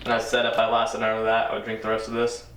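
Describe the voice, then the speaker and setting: A man's voice: on the low side, monotone, fast talker, creaky, fairly bright tone, slight background noise. A man hosting a challenge video with casual banter, joking and goading his friend along. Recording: echoey room, far from mic, music.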